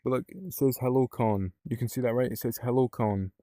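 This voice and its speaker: Young british guy vlogging, rambly and sweary, warm mellow tone, dry close sound. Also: medium pitch, brisk, no room sound. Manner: rambling, swears casually, frequent fillers. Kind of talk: casual vlog chat.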